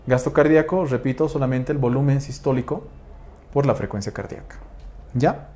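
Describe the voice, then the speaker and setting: A man's voice: medium pitch, a little fast, a little mellow. A man lecturing on physiology, asking rhetorical questions and checking in with tag questions. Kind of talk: explanatory lecture.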